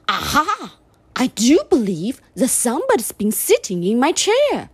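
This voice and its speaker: Woman voicing a big father bear, gruff, loud, grumbling, breathy. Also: sits high, wildly swooping pitch, a little slow, exaggerated voice.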